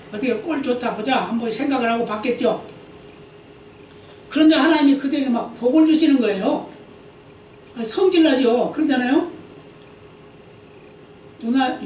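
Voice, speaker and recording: A man's voice: extremely high pitch, darkish tone, a little hiss or hum. Guy pastor preaching in church, reads scripture then asks the crowd questions, echoey hall, mic kinda far off. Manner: asks the congregation rhetorical questions. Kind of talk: sermon with scripture reading. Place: church sanctuary.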